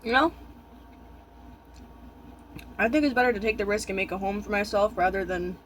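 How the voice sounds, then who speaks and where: A young man chatting casually while eating, talking with his mouth full in halting, musing short thoughts. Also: sits high, a bit bright, slight background noise.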